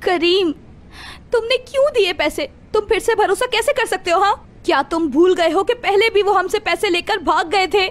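A woman's voice: very high-pitched, normal speed, slight background noise. An actress playing an earnest, insistent young fiancée in her twenties in a dubbed TV drama. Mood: exasperated. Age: 20s. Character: earnest, affectionate young fiancée, gently scolding.

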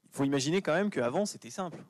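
A man giving a lively conference talk, chatty and joking with the audience. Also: on the high side, fast talker, dry recording. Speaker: conference speaker. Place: conference venue.

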